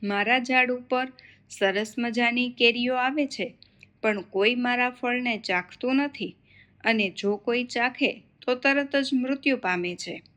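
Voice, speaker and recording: A woman's voice: a little high, takes it slowly, fairly bright tone. A woman voicing a talking mango tree that confides its sorrow in a devotional story. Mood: plaintive. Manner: plaintive, confiding.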